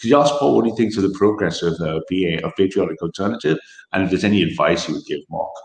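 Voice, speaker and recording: A man's voice: low voice, animated, quick pace, vocal fry. A man hosting an online interview, rambling with many restarts over a video call. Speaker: host. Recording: roomy echo.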